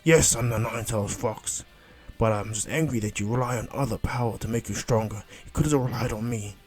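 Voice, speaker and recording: A man's voice: medium pitch, a little fast, darkish tone, lightly acted. A man voicing a short-tempered giant fox spirit in an anime story retelling, blunt and insulting but grudgingly helpful, with music behind. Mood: irritated, grudging.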